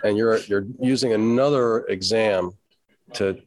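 Lower-voiced skeptical man on a panel. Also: measured pace, a little mellow, dry recording, rough recording. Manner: skeptical, questioning. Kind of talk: casual panel discussion.

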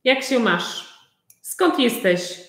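Very slow-spoken woman teacher. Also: fairly high pitch, lively intonation, reverberant. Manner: very slow, simple questions repeated for learners. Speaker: Polish conversation teacher. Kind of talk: live online conversation class.

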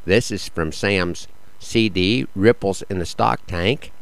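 A man's voice: low voice, slow pace, gravelly. A man hosting a radio program, speaking in a folksy, sincere way as he narrates and shares cowboy poetry.

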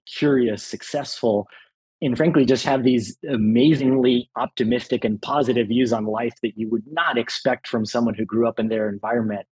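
Heard through a low-quality recording, this man's mid-range voice has a darkish tone and a breathy edge. He is a Salvadoran private equity partner guesting on an interview podcast, speaking earnestly and eagerly and often stressing the word "really."

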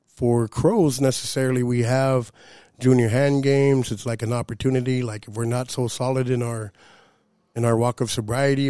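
A man with a relaxed, mellow voice delivers an informal podcast monologue. He talks straight to the listeners in a loose, rambling, reflective way. His voice sits in a middle register, recorded close and dry. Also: mid-range voice, no echo. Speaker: podcast co-host giving a recorded segment.

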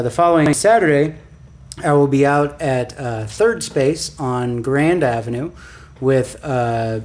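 A man's voice: medium pitch, darkish tone. Joking man in casual chat. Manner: joking, giggly. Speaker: comedian guest.

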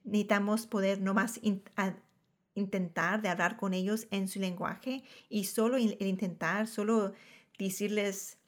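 A woman's voice: medium pitch, steady tone, measured pace. A woman hosting a casual conversation, switching between Spanish and English mid-sentence in Spanglish. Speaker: podcast host, dental professional.

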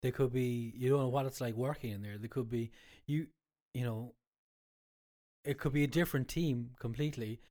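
Warm and medium-pitched at a moderate pace, this man's voice is stuffy and congested because he has a cold. He's an Irish cook and cookery instructor with a Cork accent, a guest who explains things casually and often repeats his points.

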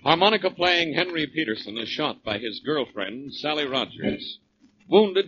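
A man announcing and recapping the story in a measured, formal way, heard as an old radio show broadcast. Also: medium pitch, noisy background. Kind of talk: scripted radio drama narration. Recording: lo-fi old radio recording with music.

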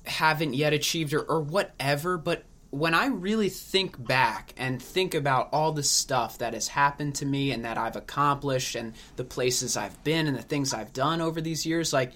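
A man's voice: a little high, moderate pace, few pauses, a bit bright. Easygoing man in his late twenties. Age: late 20s. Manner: easygoing, reflective, lots of "like" and "you know what I mean". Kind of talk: casual conversation.

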